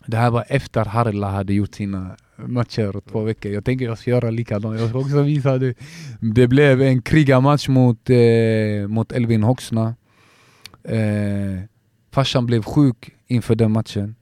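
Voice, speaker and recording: Kille som pratar om en fight med många eh och omtag, medelhög röst, torr studio. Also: male voice, mid-range voice, steady tone, mellow, clear, resonant tone, dry recording. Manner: emotional storytelling, halting with many restarts and fillers. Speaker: MMA fighter guest. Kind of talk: casual podcast conversation.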